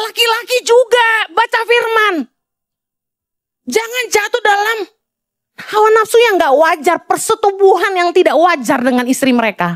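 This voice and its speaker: A woman's voice: extremely high pitch, dry recording, clean studio sound. A middle-aged Indonesian woman pastor preaching bluntly, with scolding asides and a conversational tone. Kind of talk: sermon.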